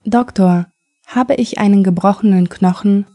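A woman reading the lines of an adult male patient with an injured arm in a plain, even voice. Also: high-pitched, measured pace, dry recording, clean studio sound.

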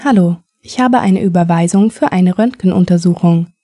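An adult male patient with a hurt arm, read by a woman in a mellow, dry, plain voice. He asks questions in an even, unhurried way. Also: sits high, no room sound.

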